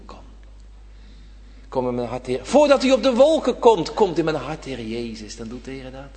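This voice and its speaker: Man preaching, lively pitch swings, long church reverb, hushed then shouting. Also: moderate pace. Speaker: pastor. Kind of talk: sermon.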